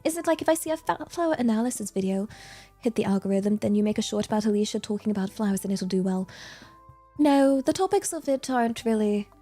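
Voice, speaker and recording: A woman's voice: mid-range voice, lively intonation, quick pace, dark tone, soft background music, natural voice. A woman streamer putting on a British received pronunciation voice like a prim newsreader, chatting in a rambling, well-spoken way. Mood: chatty. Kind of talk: livestream chat in a put-on accent.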